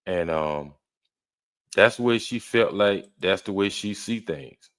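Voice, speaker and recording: Blunt, deep-voiced man reacting to clips. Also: takes it slowly, no room sound. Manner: blunt, heated, talks back to clips. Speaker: reaction host. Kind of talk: reaction commentary.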